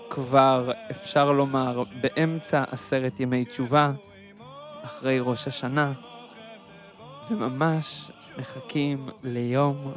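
A man hosting a radio show, telling a funny story with animated delivery and plenty of fillers. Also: medium pitch. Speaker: radio host.

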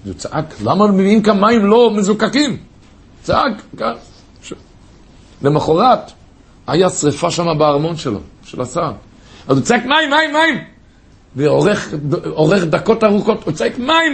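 A man preaching a sermon through stories, telling them with passion and rising to high cries. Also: creaky, slightly rough.

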